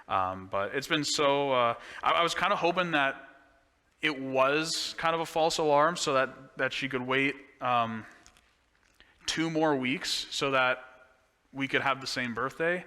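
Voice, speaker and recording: Young guy preaching, chatty and easygoing, bright voice, long church echo behind him. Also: medium pitch. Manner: casual and chatty, with many fillers and restarts. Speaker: pastor. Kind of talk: church sermon. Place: church sanctuary. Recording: echoey church hall.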